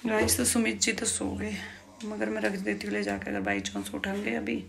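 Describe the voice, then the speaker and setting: A young woman vlogging casually at home at night, speaking softly and often near a whisper. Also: mid-range voice, big pitch swings, fairly quick, creaky. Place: home kitchen and bedroom at night. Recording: noisy home phone recording.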